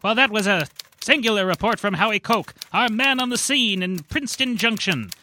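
An earnest male radio news anchor, played by an actor. His high, razor-bright voice delivers the bulletin urgently in old-time style, over faint noise. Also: normal speed.

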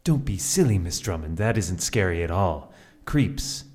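An actor playing a mysterious, haughty masked avenger in a 1940s style radio drama. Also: male voice, low-pitched, very animated, measured pace, darkish tone. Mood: ominous.

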